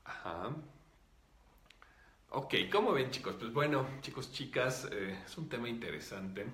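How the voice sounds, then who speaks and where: A man, a spiritual teacher calmly explaining and answering viewer comments. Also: mid-range voice, a little slow, reverberant. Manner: calm, explanatory, with many fillers.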